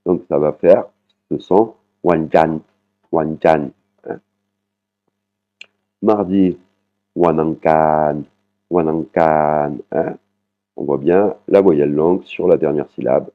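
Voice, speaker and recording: A man with an extremely deep voice walks learners through a language lesson. He explains patiently, often tags his sentences with "hein", and repeats practice words slowly. The sound is thin and tinny, like it is coming down a phone line. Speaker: Thai language teacher.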